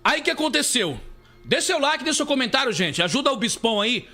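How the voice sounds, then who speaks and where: A man's voice: extremely high pitch, big pitch swings, fast talker, bright, forceful tone, faint music behind. A man with a Brazilian Portuguese accent, a bishop giving a live preaching testimony, repeating himself and calling listeners beloved. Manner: repetitive, calls listeners "beloved", many restarts.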